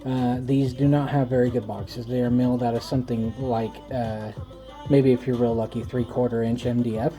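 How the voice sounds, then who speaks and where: A man gives a casual, rambling gear review in a mellow, relaxed voice with toothless, slightly slurred speech. He comes across as wry, irreverent and self-deprecating, and faint music plays behind him. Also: medium pitch, moderate pace. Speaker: home audio reviewer.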